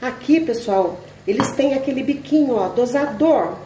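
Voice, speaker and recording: Her voice is high and expressive, moving at a moderate pace over some background noise. She's a Brazilian cooking channel host, off-camera in an echoey home kitchen and recorded on the camera mic, casually walking viewers through a recipe. Every few words she checks in with "tá?", and she calls them "gente."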